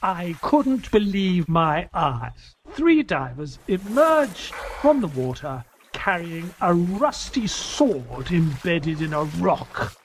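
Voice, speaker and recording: An actor playing Dr. Watson, an inquisitive companion who narrates an audio play in an earnest, storytelling way. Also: male voice, high-pitched, big pitch swings, slow pace, a little hiss or hum, exaggerated voice. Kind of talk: audio drama narration and dialogue.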